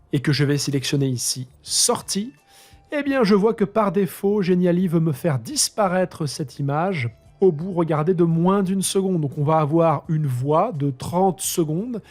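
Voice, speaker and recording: Husky male teacher talking through a tutorial. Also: fairly high pitch, a little mellow. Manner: talks through each click while improvising, addressing his students directly. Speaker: high school teacher. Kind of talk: screen-recorded software tutorial.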